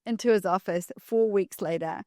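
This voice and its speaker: A woman's voice: medium pitch, moderate pace, mellow, no room sound, clean studio sound. A woman guest on a podcast, telling stories emphatically and repeating key phrases for effect. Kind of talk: storytelling in an interview.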